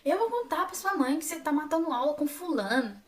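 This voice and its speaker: A woman's voice: high-pitched, sing-song, brisk, pitched above the performer's own voice. A woman putting on the voice of an accusing school vice-principal, a scolding woman, as she retells a quarrel in a vlog.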